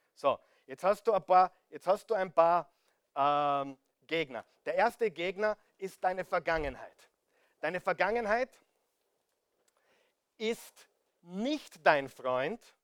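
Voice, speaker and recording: A man with an Austrian German accent preaches a sermon straight to his listeners in a fairly high voice, recorded at studio quality with no room sound. Pleading, he poses rhetorical questions, begs them repeatedly to listen, and swings sharply in loudness.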